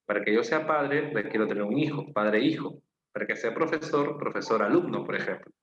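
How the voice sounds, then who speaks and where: A man's voice: mid-range voice, fairly quick, fairly bright tone. A man with a Peruvian Spanish accent, teaching an online class. He explains patiently, repeats key phrases and checks in with his students. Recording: roomy, slightly dull with faint noise.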